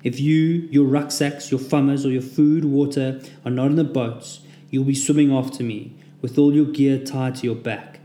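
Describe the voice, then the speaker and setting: A hulking Russian drill sergeant, as a male narrator puts him on, bellowing orders in a heavy accent with punchy, forceful delivery. The voice rings out in a roomy, echoing space, a little higher and louder than the storyteller's own. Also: steady tone, moderate pace, hardly any pauses, natural voice. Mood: barking orders. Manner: barking commands. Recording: roomy echo.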